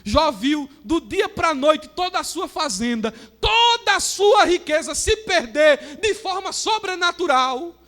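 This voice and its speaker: A male preacher delivers an impassioned sermon in church. His voice sits very high for a man. He moves from near-whispers to full shouts and acts out the people he quotes. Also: very animated, a little slow, few pauses. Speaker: pastor.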